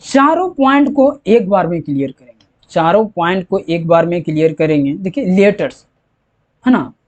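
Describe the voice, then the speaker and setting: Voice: mid-range voice, lively intonation, normal speed. An English teacher explaining grammar step by step, repeating each point and answering their own questions. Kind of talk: slow classroom explanation. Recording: dull lo-fi recording.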